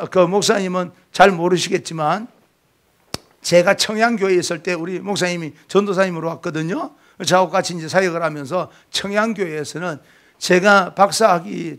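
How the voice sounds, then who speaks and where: A middle-aged man pastor preaching a revival sermon, swinging between shouting and hushed storytelling in a church sanctuary. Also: high voice.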